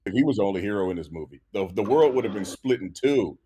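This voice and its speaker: A man co-hosting a podcast in casual chat, ranting in an animated, profane way with lots of restarts. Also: fairly low pitch, quick pace. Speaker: podcast co-host.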